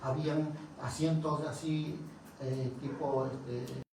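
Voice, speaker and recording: A man's voice: mid-range voice, flat delivery, takes it slowly. A man, a pastor giving a testimony sermon who tells the story dramatically and acts out the dialogue. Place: church hall. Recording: very echoey, distant, noisy church room.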